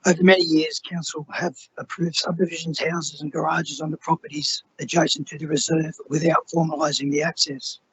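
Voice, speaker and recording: Hoarse man, formal and measured, slightly high and very husky, reading a statement at a council meeting. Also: fairly bright tone, poor audio. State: hoarse, voice nearly gone. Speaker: resident addressing council. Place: council chamber.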